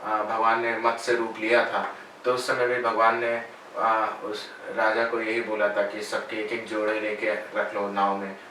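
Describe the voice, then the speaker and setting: A man who works as a spiritual guide and meditation teacher, giving calm, measured answers in an interview. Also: fairly low pitch. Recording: very echoey room, voice far from mic, faint noise.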